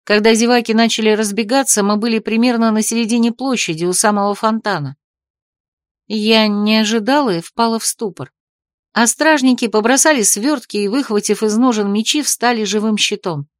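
A woman narrating a romantic fantasy audiobook in the first person, with a wry, expressive reading. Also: fairly high pitch, brisk, no echo, studio quality.

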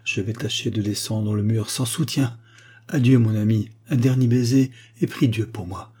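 An ardent young nobleman in a historical storybook, urgent and earnest, as the male reader gives him voice. The tone is dark and husky, close to the narrator's own voice. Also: lowish voice, steady tone, normal speed.

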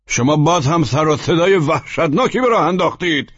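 A man's voice: on the high side, lively intonation, fairly bright tone, husky, no echo, muffled recording, pitched above the performer's own voice. A man voicing a stern middle-aged landlord who lectures his tenant, in an audiobook. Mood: angry. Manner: reproachful, lecturing. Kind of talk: audiobook character voice.

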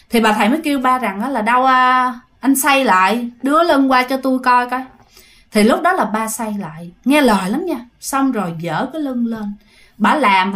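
A woman's voice: fairly high pitch, a bit bright. Chatty woman storyteller. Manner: chatty, addresses listeners directly. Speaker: ghost story narrator. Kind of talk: casual storytelling.

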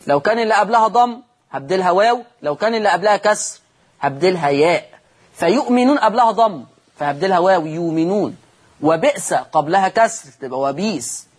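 A man with an Egyptian Arabic accent teaching Quran recitation on a broadcast lesson, explaining rules, reciting words slowly and quizzing his listeners. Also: high-pitched, husky.

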